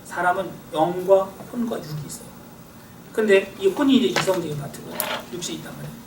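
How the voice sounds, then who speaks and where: A middle-aged male pastor giving a sermon lecture in a church hall, acting out inner voices and swinging between loud and quiet. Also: high-pitched, fast talker. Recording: echoey hall, voice from far off, faint hiss.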